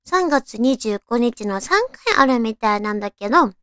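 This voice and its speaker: A woman with a cute, girlish anime-like voice, chatting casually on her own as a radio talk host, with softly drawn-out phrasing. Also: on the high side, animated, dry recording, studio quality. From Tochigi, Japan. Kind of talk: casual solo chat.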